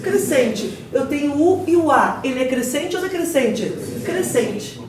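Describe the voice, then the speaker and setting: A woman's voice: high-pitched, animated, measured pace, background noise. A Brazilian woman teaching an exam-prep grammar lecture to a class, firing questions and drilling answers in call-and-response. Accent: Brazilian Portuguese. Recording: echoey classroom, mic at a distance.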